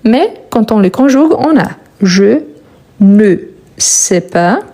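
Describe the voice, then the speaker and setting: A woman teaching French grammar, repeating each step with slow, careful dictation and brief encouragement. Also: mid-range voice, lively intonation, mellow. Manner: slow, deliberate dictation with repetitions. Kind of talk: grammar lesson, spelled out slowly.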